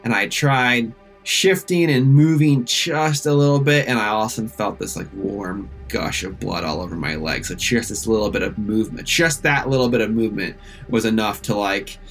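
A man's voice: fairly low pitch, normal speed, hardly any pauses, a bit bright. Chatty man recalling a close call. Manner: chatty and self-deprecating, many "like" fillers. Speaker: interviewee recounting his accident. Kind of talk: casual first-person recollection. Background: faint music.

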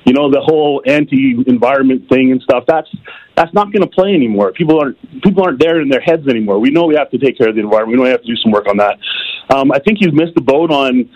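A man's voice: medium pitch, animated, fast talker. A man calling in over the phone, giving loose, opinionated talk with fillers. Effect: heard over the phone. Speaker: caller. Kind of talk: casual call-in chat. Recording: muffled phone line.

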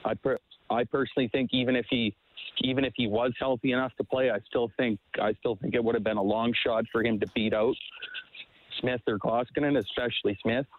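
A man calling in to a sports talk show over the phone, speaking haltingly with many fillers and restarts. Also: medium pitch, steady tone. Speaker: caller. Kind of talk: sports call-in chat. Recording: dry tinny phone line.

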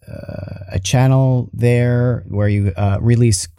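Mellow-voiced New host, dry sound. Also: male voice, medium pitch, fairly even intonation, vocal fry, clean tone, dry recording. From New York, United States. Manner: chatty, halting, laughs easily. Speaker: podcast host. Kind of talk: casual podcast conversation.

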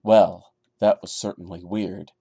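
His voice is low, gravelly, and mellow, with a flat, unhurried delivery and no room sound. As a podcast host, he reads a horror story dramatically and drops in wry, chatty jokes along the way.

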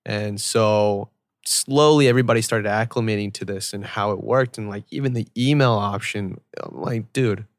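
A man co-hosting a casual chat in an expressive, conversational way. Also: fairly low pitch, moderate pace, no echo, clean studio sound.

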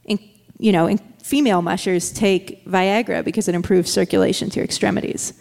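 Woman guest, chatty and quick with many fillers, recorded with a long reverb tail. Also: mid-range voice, steady tone, creaky, darkish tone. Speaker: guest, dog musher. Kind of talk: casual interview chat.

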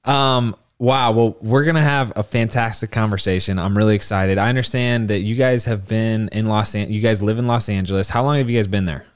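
A man's voice: on the low side, fairly even intonation, fairly quick, few pauses, smooth. Upbeat man co-hosting a podcast. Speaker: podcast co-host. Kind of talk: casual chat.

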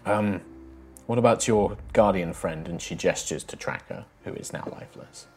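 A man's voice: sits low, normal speed, a little mellow, soft background music, natural voice. A man voicing a stern temple knight woman. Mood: calm. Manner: protective, firm and suspicious.

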